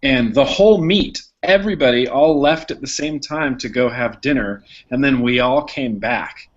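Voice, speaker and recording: A man reminiscing in an easygoing way during casual panel chat, quick to laugh. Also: medium pitch, highs cut off.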